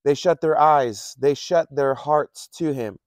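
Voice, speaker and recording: A man's voice: fairly high pitch, measured pace, no room sound. Man, pastor, loose chatty sermon, repeats himself, dry close sound. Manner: conversational, repeats phrases, chuckles often. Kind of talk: casual sermon.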